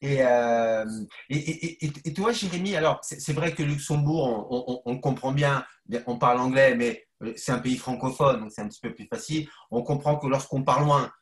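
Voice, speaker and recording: A man's voice: mid-range voice, moderate pace, echoey room. A man moderating a panel over a video call, stammering and repeating words as he asks questions.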